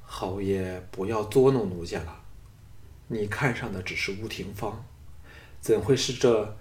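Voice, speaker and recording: A man voicing a young noblewoman who talks softly, sighing and pleading. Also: on the low side, a little slow, lightly acted. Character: sensual noblewoman, young adult, yielding.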